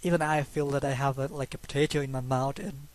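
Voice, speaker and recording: Speaking fast in a steady, mid-range voice, a young hobby artist from Mexico talks about his drawings in English with a Mexican Spanish accent. He sounds casual and hesitant, restarting often and using many fillers, and he's a bit self-conscious, laughing a little.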